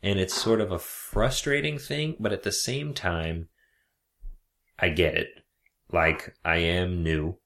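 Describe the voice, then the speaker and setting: A man's voice: deep voice, takes it slowly, gravelly. A young man, an actor, chatting casually and rambling about his work with frequent laughs. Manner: relaxed, rambling, laughs often. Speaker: actor guest. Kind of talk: casual chat.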